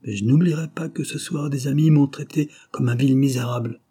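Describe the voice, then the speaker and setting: A man's voice: medium pitch, moderate pace, mellow, slightly rough, lightly acted. A man voicing a vain, easily offended young dandy in a read-aloud novel. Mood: offended pompous.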